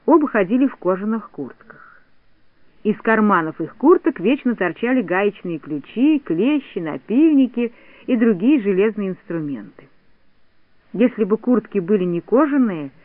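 High, lively male storybook narrator. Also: no room sound. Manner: expressive, animated reading. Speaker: audiobook narrator. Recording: tinny phone-like dry sound.

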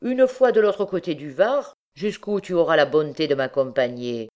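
Mocking bandit husband, gruff and sly, played by a woman reader. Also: low-pitched, normal speed, darkish tone, muffled recording, lightly acted. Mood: scheming. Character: coarse scheming male bandit husband.

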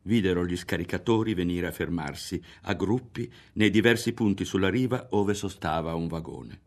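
Casting note: low-voiced male audiobook reader, measured and expressive, faint music underneath. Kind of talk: literary narration.

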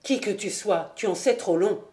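A woman's voice: medium pitch, normal speed, mellow, close to an everyday voice. A woman voicing a loyal, honest male squire in an audiobook, speaking earnestly and urgently. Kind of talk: audiobook character voice.

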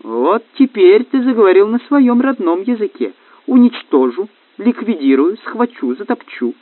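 A man's voice: fairly high pitch, very animated, normal speed, no room sound. A man playing a cold scheming woman. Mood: mocking. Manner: crisp, cutting, mocking. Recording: tinny phone-like, dry.

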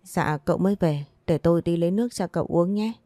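A woman voicing a proud, sharp-tongued young wife who talks back tartly. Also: on the low side, quick pace, no echo, clean studio sound, natural voice. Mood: polite. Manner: tart and defiant.

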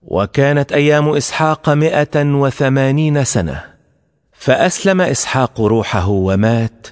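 A man giving a formal scripture reading with a measured, solemn delivery. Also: mid-range voice. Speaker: scripture reader. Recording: long hall reverb.

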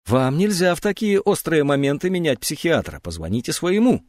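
A man's voice: fairly high pitch, sing-song, moderate pace, dry recording, clean studio sound, voice pushed up. A man voicing an angry, indignant woman psychiatrist in an audiobook. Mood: stern. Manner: sharp, indignant.

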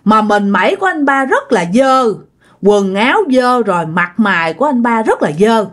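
Lively Southern Vietnamese woman telling ghost stories. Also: a little high, moderate pace. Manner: chatty, addresses listeners directly. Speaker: storyteller. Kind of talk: ghost story narration.

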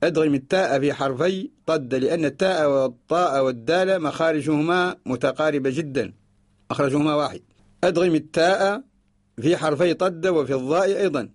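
A man from Mauritania giving a radio lesson, explaining slowly and repeating each example before chanting short verses. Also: on the high side. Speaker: teacher of Quran orthography. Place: radio studio.

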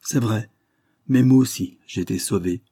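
A man reading as an earnest young gentleman. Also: fairly low pitch, unhurried, slightly rough, no echo, studio quality. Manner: earnest, heartfelt.

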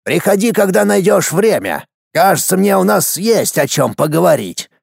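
A man voicing an old grey-haired shaman who speaks in a solemn, measured way. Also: high-pitched, very animated, vocal fry, breathy edge, dry recording, clean studio sound, pitched above the performer's own voice, heavily acted.

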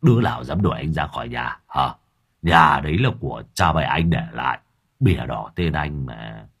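A man doing a low mumbling scruffy vagrant. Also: animated, normal speed, breathy edge, exaggerated voice. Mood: sheepish pleading. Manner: mumbling, stammering, hushed. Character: scruffy broke middle-aged male vagrant, sheepish and pleading.

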